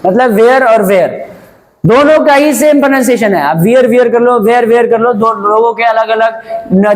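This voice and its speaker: A man with an extremely high voice, recorded in poor audio quality, teaches English grammar in Hindi. His Hinglish classroom lesson mixes in English phrases and spells words out letter by letter. He explains patiently, poses questions and answers them himself, and says "bhai."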